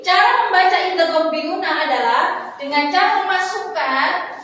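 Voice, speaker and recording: A woman teaching Quran recitation, explaining rules patiently and chanting each example slowly several times. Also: very high voice, animated, a bit bright, slight background noise. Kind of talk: classroom lesson on recitation rules. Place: room in a foundation office, marking a board. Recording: echoey hall, voice far from mic.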